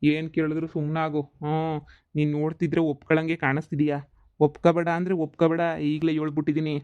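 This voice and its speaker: A man's voice: on the high side, brisk, clean tone, no echo, natural voice. A man voicing a bossy, teasing village husband who mocks his wife. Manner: mocking, flat drawl, rustic dialect. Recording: slightly dull lo-fi sound.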